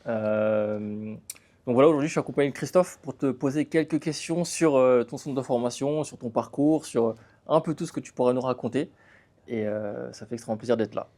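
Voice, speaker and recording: A man's voice: medium pitch, a little fast, warm tone. A man hosting a casual interview, talking in a friendly, loose way with fillers. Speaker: interview host.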